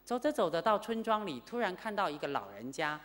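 Animated nun telling a Buddhist tale. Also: female voice, fairly low pitch, brisk. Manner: animated, asks the class questions. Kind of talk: storytelling sermon lecture. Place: Buddhist centre lecture hall.

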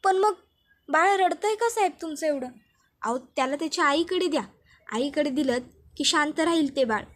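A woman's voice: sits high, expressive, moderate pace. A woman doing a sly, sweetly coaxing young woman. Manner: coaxing, rustic speech.

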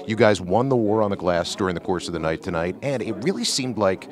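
Fast-talking middle-aged interviewer, low voice. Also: male voice, lively intonation, crowd noise. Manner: long run-on questions. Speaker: sports interviewer. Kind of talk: post-game interview questions. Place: locker room, indoors. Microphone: handheld mic.

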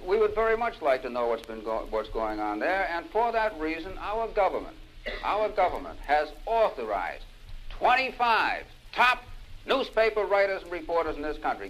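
A man delivers an impassioned political lecture, hammering his points home by saying them twice. His voice sits a little high for a man. He comes from an old vinyl record with a faint hiss of surface noise behind him. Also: fairly bright tone, rough recording. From United States. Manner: emphatic, repeats key phrases for stress.

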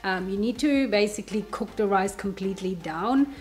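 Sniffling from a cold, a home cook vlogger whose first language is German talks casually as she demonstrates a dish in her kitchen at home. Her mid-range voice has a slightly dark tone and a moderate pace, with music playing behind her indoors.

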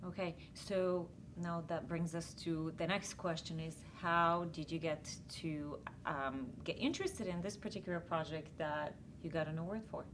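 A middle-aged woman interviewing a researcher at a conference, speaking in a halting way with many fillers. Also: deep voice, noisy background. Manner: halting, hesitant phrasing with um fillers. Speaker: interviewer, assistant professor. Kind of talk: scientific interview. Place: conference interview booth, indoors.

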